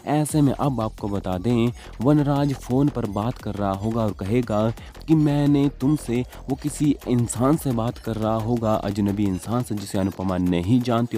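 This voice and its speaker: A low, mellow male narrator speaks over music, delivering scripted soap-spoiler narration for a channel covering TV serial gossip. His recap is repetitive, circling back on details to heighten suspense.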